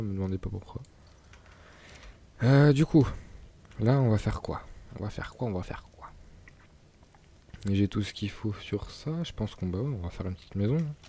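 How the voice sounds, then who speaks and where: A man's voice: lowish voice, warm tone, breathy edge. A young man commenting casually on his gameplay, chatty, laughing and tripping over words. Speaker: gaming YouTuber.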